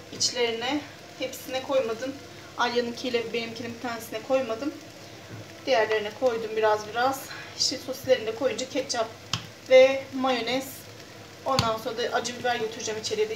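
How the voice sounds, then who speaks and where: Woman in her 30s vlogging from home, chatty and homey, kinda high voice. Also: level tone, normal speed, background noise. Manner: chatty and homely, with frequent fillers. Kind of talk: casual home vlog narration. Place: at home, kitchen then living room.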